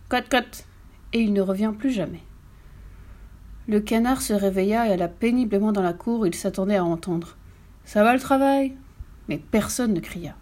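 A woman with a mid-range voice reads a children's picture-book story aloud. Her narration is expressive and animated, and she voices the animal sounds playfully as she tells the tale. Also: medium pitch.

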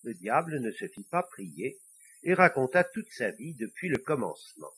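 A man narrating a children's storybook, expressive and confiding asides to the listener. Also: medium pitch, moderate pace, slightly rough.

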